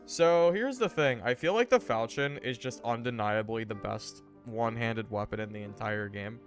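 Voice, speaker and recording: With soft music playing behind him, a male gaming streamer rambles in a relaxed way, greeting people in chat. He is getting over an illness, so his mid-range voice sounds somewhat worn, though he talks at normal speed.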